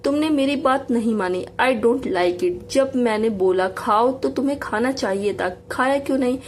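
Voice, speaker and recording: A woman's voice: fairly high pitch, a little slow, a little hiss or hum, natural voice. A woman voicing a bossy, childish young girlfriend who demands her way and mixes in English. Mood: demanding.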